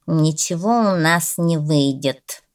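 A gloomy, sarcastic tomcat from a storybook who doubts every plan, speaking in a low, unhurried voice, as a woman puts him on. His remarks come out flat and dour. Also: clear, resonant tone. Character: gloomy skeptical male cat.

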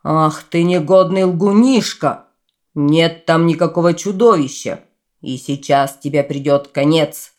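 A woman doing a slow, booming angry dragon. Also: darkish tone. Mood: furious. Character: angry male dragon, forest lord, menacing.

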